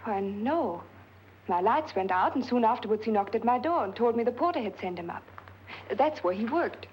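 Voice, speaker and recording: A woman's voice: fairly high pitch, expressive, normal speed, slight background noise, close to an everyday voice. An actress playing an anxious, earnest woman recalling a stranger, speaking hesitantly, on a dull 1940s film soundtrack. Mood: worried.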